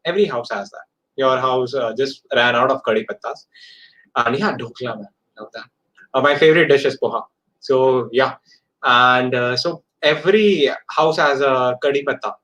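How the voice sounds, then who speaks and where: In a low-quality recording, a man with an Indian accent leads a relaxed live coding session at a moderate pace, his medium-pitched voice slightly bright. Repetition is frequent, and he uses quick tags to check understanding.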